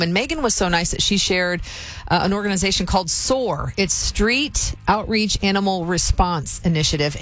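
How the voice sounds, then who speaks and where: A woman co-hosting a morning radio show in a studio, chatting casually and reading listener messages aloud. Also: on the low side.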